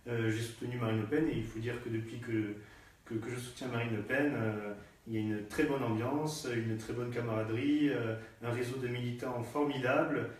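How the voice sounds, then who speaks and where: A man's voice: mid-range voice, fairly even intonation, moderate pace. A man, a party activist, speaking in a live political discussion, hesitant with many fillers and restarts. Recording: distant echoey room sound.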